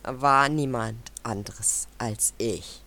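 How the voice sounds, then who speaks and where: A woman's voice: very slow, pushed and bright, full character voice. A woman voicing a cocky male mouse who brags to his fellow animals. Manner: cocky, squeaky boasting.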